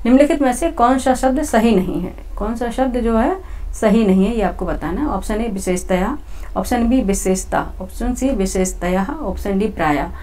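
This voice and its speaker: Higher-voiced woman teacher explaining step by step. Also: moderate pace, darkish tone. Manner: repetitive, says "theek hai" often; explains step by step, talking to students. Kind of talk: exam-prep lesson.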